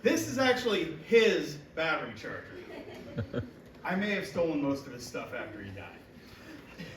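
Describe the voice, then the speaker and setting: A man lecturing on chemistry and rambling through a story in a loose, casual way. His voice sits a bit high for a man and echoes around a big hall. He sounds distant from the mic, with steady noise underneath. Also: moderate pace.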